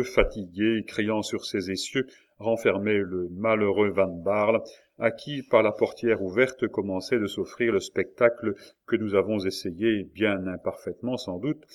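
A man narrating an audiobook in a measured, solemn way. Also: fairly low pitch, a little mellow. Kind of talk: audiobook reading.

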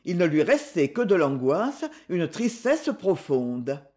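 A woman narrating a novel as an audiobook in an expressive storytelling manner. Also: lowish voice, slow.

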